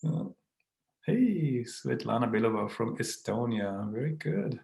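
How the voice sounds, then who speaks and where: A man's voice: medium pitch, very animated, unhurried, vocal fry, darkish tone, echoey room. A man hosting a casual live online Q&A. He reads viewer comments aloud, greets people by name, and chuckles often.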